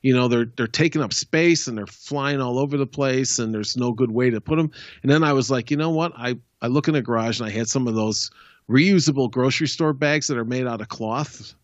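A man's voice: mid-range voice, fairly quick, no echo, dull audio. Easygoing male home-repair show host. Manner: easygoing, rambling with fillers. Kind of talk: casual chat.

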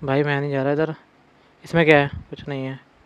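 A man's voice: a little high, little pitch movement, a little fast, lo-fi sound, slight background noise. Jumpy young man playing a horror game. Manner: jumpy, scared exclamations, talks to viewers as brothers. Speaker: gaming YouTuber. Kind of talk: horror game let's play commentary.

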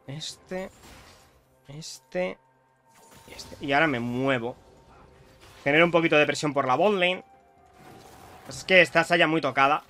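A young man from Spain with a Spanish accent, chatting excitedly to viewers while commentating his own gameplay. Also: a little high. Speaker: streamer playing a video game.

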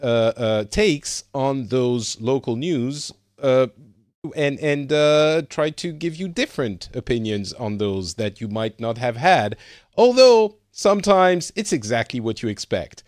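A man's voice: medium pitch, expressive, measured pace, no room sound, clean studio sound. A man from France hosting a casual news podcast, talking with lots of fillers and restarts. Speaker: host.

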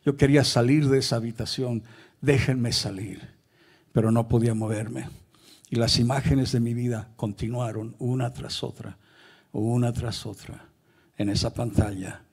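A man's voice: mid-range voice, steady tone, gravelly, darkish tone. A middle-aged man with a Chilean Spanish accent, a pastor giving an emotional sermon testimony and reenacting his anguished pleas. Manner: emotional, reenacts his cries with raised, drawn-out pleading.

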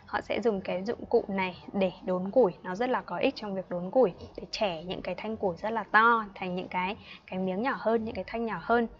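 A woman in her twenties with a Northern Vietnamese accent, teaching an online English class for young children, patient and playful, repeating words slowly. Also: mid-range voice, fairly even intonation, lo-fi sound. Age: 20s. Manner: chatty and playful, laughs often.

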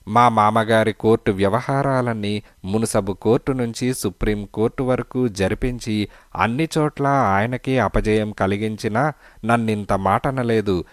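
A man's voice: on the low side, a little slow, no echo, natural voice. A man voicing a broke, desperate male lawyer who pleads and blusters. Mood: pleading.

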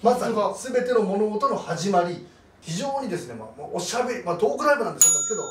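A man's voice: high voice, big pitch swings, racing, crowd noise. A man who is a psychic comedian, chatting in a meeting, polite and apologetic, explaining things at length. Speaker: psychic comedian doing tarot. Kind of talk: casual meeting chat. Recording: roomy sound from a distant mic with music. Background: background music.

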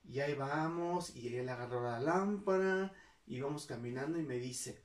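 A woman's voice: extremely low pitch, normal speed. Chatty mexican woman telling stories, does little voices for people, sounds kinda far from the mic. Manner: chatty, acts out the people she quotes, many restarts. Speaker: vlogger. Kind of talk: casual storytelling to viewers. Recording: roomy, mic set back.

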